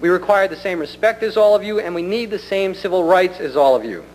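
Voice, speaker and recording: A man delivers a prepared public speech at a government meeting in an earnest, deliberate and polite way. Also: high-pitched, darkish tone. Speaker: community center director addressing a county commission. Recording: noisy hum, 1990 public meeting recording.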